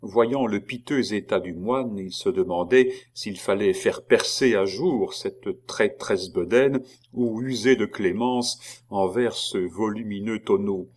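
Un homme qui lit un roman classique d'un ton posé et régulier. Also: male voice, on the low side, slow, a little mellow. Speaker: audiobook narrator. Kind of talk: classic novel reading.

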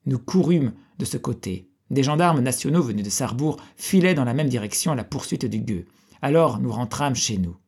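A man reading a historical novel aloud in a steady, measured way. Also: mid-range voice, slightly rough. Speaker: audiobook reader.

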